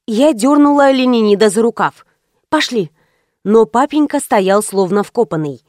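A woman narrating an audiobook in the first person, with lively, ironic storytelling. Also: a little high, moderate pace, no echo, clean studio sound.

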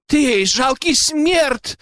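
A man voicing an arrogant, hot-tempered young nobleman with a shrill, nasty high voice, shouting and sneering in an audiobook. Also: expressive, extremely slow, no room sound, studio quality, full character voice. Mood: gloating.

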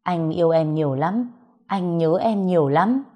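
A woman's voice: on the low side, animated, unhurried, mellow. A woman voicing a lovesick older man who pleads tenderly over the phone in an audio story.

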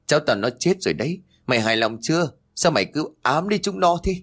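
A man's voice: sing-song, quick pace, a bit bright, exaggerated voice. A man voicing a frantic, grieving older grandmother who wails and scolds in a raised voice. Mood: screaming. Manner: wailing, shrill scolding.

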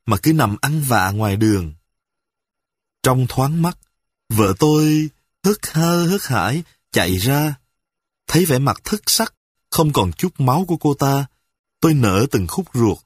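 A man reading a humorous story aloud with lively, dramatic storytelling. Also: medium pitch, breathy edge, no echo, clean studio sound.

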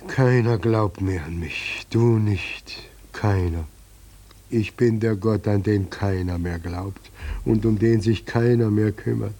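A man's voice: lowish voice, slow. An actor playing God as a weary, sorrowful old man who feels powerless and forgotten. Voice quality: soft, sorrowful. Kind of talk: radio play acting.

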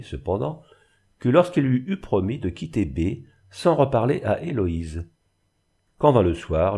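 A male audiobook reader narrates a classic novel from a script in a measured, expressive manner. His voice is fairly low and husky.

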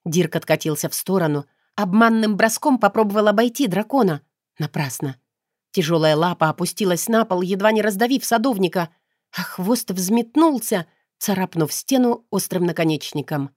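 A woman narrating a first-person fantasy audiobook in a steady, expressive storytelling voice. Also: medium pitch, moderate pace, no room sound, studio quality.

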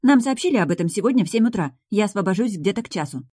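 A woman reads as a cross young sister on the phone, clipped and impatient. Her voice rises a little above the narrator's own low pitch and stays dark and close. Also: lively intonation, rapid-fire, husky, dry recording. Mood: annoyed. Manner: curt, irritated phone talk.

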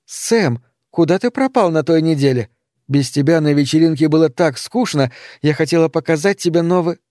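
A man's voice: fairly high pitch, moderate pace, darkish tone, dry recording, studio quality, pitched above the performer's own voice, natural voice. A man voicing a chatty young shop girl. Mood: cheerful. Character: pretty young woman shop clerk, bubbly then flustered.

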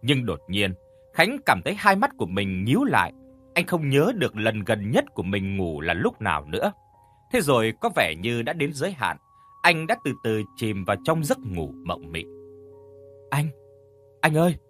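A man narrating an audio horror story in a measured, expressive storytelling manner. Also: lowish voice, soft background music.

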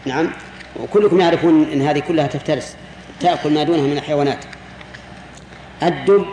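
A man teaches a jurisprudence class as a sheikh, and his voice sits a little on the high side. He explains step by step, repeats his key words and turns questions back to the students. The recording has a long, roomy hall echo and a faint hiss underneath. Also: dark tone.

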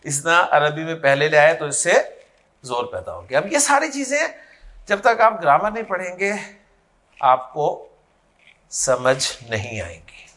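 A man's voice: fairly high pitch, sing-song, long pauses, sharp tone. A man teaching Arabic grammar in a classroom lecture, explaining step by step and checking that his students follow.

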